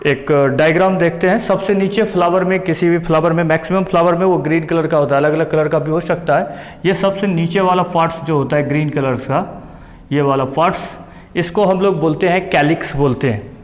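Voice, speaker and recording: A man teaching a biology lesson, explaining a diagram step by step and repeating each term. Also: on the high side. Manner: explains slowly, repeats terms, mixes English terms into Hindi. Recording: long hall reverb.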